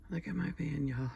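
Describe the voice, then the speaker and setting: An American woman talks casually to her vlog while sick and congested. Her voice is raspy and full of fry. She speaks wearily and haltingly, often fading toward a near whisper. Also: low-pitched, dark tone. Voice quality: hoarse, husky, gravelly. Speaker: solo van-life vlogger. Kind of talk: rambling casual vlog to camera.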